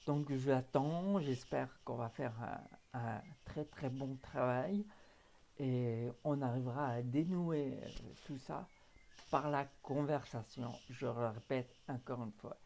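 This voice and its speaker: A man's voice: mid-range voice, slow, creaky, warm tone. A man, talking casually and earnestly to his viewers, hesitant with many fillers and restarts. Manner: earnest and emotional. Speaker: hypnotherapist vlogger. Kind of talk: casual direct-to-camera talk.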